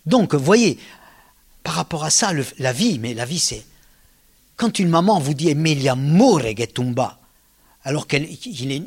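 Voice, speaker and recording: A man giving a public talk, telling stories with lively energy and acting out quoted dialogue in casual, slangy speech. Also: medium pitch, breathy edge. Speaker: lecturer.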